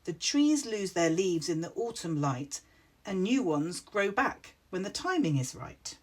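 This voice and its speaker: A woman voicing a young female woodland creature in a storybook, bubbly and excited. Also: on the low side, unhurried. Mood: gleeful.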